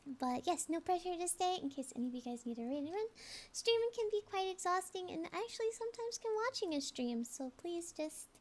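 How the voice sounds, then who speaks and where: A young woman hosts a casual livestream in an extremely high voice. Her delivery is cute and girlish in an anime-streamer way, bubbly and effusive. Her intonation swings in a lively, animated way as she chats with her viewers. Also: fairly quick. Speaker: livestream host, VTuber artist.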